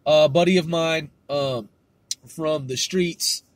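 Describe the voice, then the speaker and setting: Here a middle-aged West Coast podcast host talks slowly in a fairly high voice, with no room sound on the recording. His solo monologue wanders casually, full of slang, cursing, and filler words.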